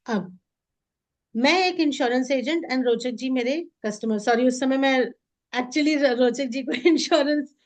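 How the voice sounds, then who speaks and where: High-voiced woman coaching a training group. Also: measured pace. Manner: mixes Hindi and English, animated and demonstrative. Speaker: mindset coach and NLP trainer. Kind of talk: interactive training session.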